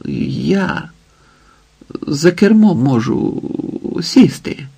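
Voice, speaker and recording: A man voicing a desperate young wife, pleading tearfully, in a husky, gravelly voice. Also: a little high, animated, drawn-out words, warm tone, exaggerated voice.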